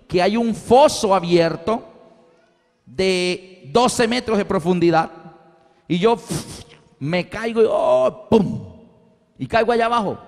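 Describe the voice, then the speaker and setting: Male preacher, high voice, storytelling sermon, echoing hall. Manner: acts out stories with voices, addresses "dear friends".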